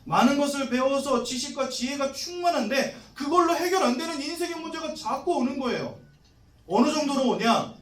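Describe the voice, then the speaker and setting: A man's voice: very high voice, reverberant, distant mic. A man in his forties, a pastor preaching to new members in a conversational way, asking the congregation questions and joking. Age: 40s. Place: church hall.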